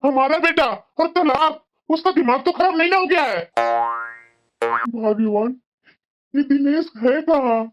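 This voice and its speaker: A woman's voice: sits high, a little slow, pauses often, noisy background. A woman voicing a fond, fussing elderly father-in-law in a cartoon who teases and dotes on his wife. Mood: alarmed. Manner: teasing, doting toward his wife. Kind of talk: cartoon voice acting. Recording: dull lo-fi sound.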